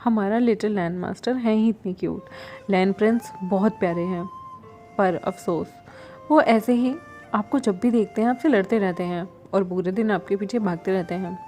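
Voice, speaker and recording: A chatty male attendant who loves gossip, as a woman storyteller puts him on, chiding and talkative. The voice is mellow and warm-toned. Faint instrumental music runs beneath the storybook reading. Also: mid-range voice, moderate pace, natural voice.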